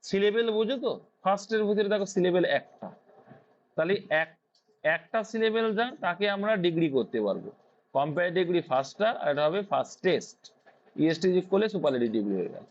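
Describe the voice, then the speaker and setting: A man's voice: sits high, expressive, quick pace. Bengali man explaining grammar, muffled sound. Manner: asks questions then answers them himself. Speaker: English tutor. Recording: dull lo-fi sound.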